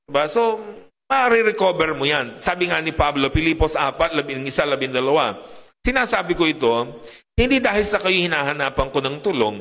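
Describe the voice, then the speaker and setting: A man preaching a sermon in a lively, rhetorical way, often putting questions to his congregation. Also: fairly high pitch, in a large hall.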